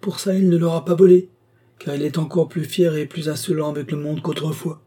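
A man's voice: a little high, fairly even intonation, a little fast, mellow, slightly rough, voice pushed up. A man voicing a chatty old female country servant, telling her story in a breathless, exclamatory way, for an audiobook. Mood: indignant.

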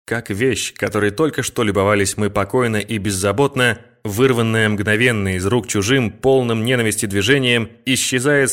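A man reading a literary novel aloud as an audiobook, in a measured and expressive way. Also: lowish voice. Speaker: audiobook narrator.

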